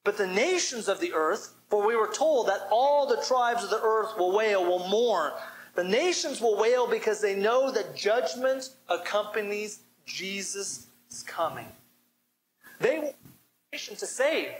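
A man's voice: high voice, expressive, measured pace, a little hiss or hum, rough recording. A man preaching a sermon as pastor, emphatic and calling for responses from the congregation.

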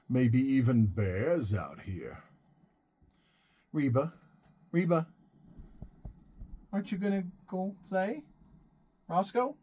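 A man's voice: on the high side, a little mellow, lo-fi sound. Chatty man vlogging outdoors in a forest. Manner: chatty, plain-spoken, joking. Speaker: vlog host. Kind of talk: casual explanatory vlog.

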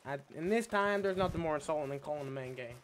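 A man's voice: on the high side, quick pace, slight background noise. A man chatting casually and profanely while streaming a game, rambling and laughing often. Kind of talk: casual gaming stream chat.

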